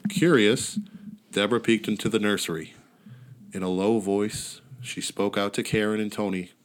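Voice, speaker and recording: Speaking at normal speed in a fairly low, steady-toned voice, a podcast host casually retells a story. His delivery is wry and laid-back with offhand swearing, and the recording carries outdoor neighborhood ambience.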